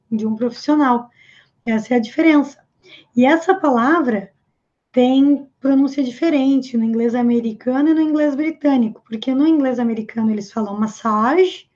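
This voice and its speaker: A woman's voice: high voice, warm tone. A Brazilian woman with a Brazilian Portuguese accent who teaches English and patiently explains words step by step. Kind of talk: explanatory language lesson. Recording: slightly dull lo-fi audio.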